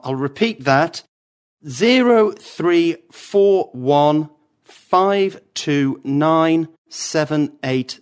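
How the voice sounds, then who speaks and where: A polite, apologetic caller, voiced by a man, leaves a voicemail in a drawn-out, unhurried way. His voice sits a little high, and he pauses and hesitates. It is a scripted recording for a listening test. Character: man leaving a voicemail about a lost bag. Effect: voicemail message left after the tone.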